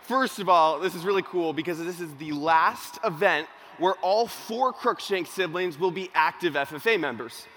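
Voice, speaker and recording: A young man delivers a motivational talk in the manner of an animated storyteller. His voice sits a little higher than most men's, and he moves between loud, excited bursts and hushed, serious stretches. A faint hum of noise sits behind him. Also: normal speed, few pauses. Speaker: youth organization speaker. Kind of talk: motivational speech with personal story.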